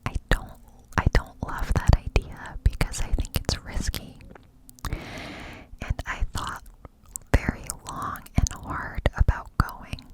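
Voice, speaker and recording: A woman's voice: slow, low-quality recording. A woman doing ASMR in an intimate, conspiratorial cupped-hand whisper, as if confiding secrets close to the mic. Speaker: ASMR host.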